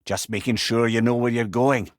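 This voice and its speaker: In video game dialogue, a Scottish-accented man voices a witty, learned older companion, a talking head who advises with wry eloquence and old-fashioned wording. His natural, medium-pitched voice has fairly even intonation and a moderate pace, recorded at studio quality with no room sound.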